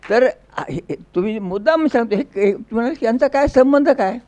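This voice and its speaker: A man's voice: very high-pitched, expressive, fast, darkish tone, highs cut off. A man giving a folksy storytelling speech, acting out dialogue in a rural dialect. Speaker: public speaker.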